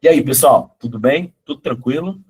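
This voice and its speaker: Speaking at normal speed with a medium-pitched, slightly mellow voice, a middle-aged man sounds husky and hoarse due to a cold. He leads a live online math exam-prep class, coaxing and chatting, and often checks in with his students.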